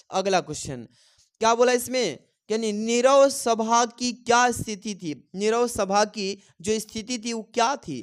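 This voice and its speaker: A man's voice: sits high, clean tone. A man tutoring students for a Hindi exam. He asks a question, answers it himself and repeats the key answers so they can be written down. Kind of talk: exam-prep teaching.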